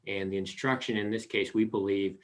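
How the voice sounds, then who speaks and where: Attorney, American man, fairly low voice, formal deliberate courtroom argument, explanatory. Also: steady tone. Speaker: defense appellate attorney. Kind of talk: formal oral legal argument.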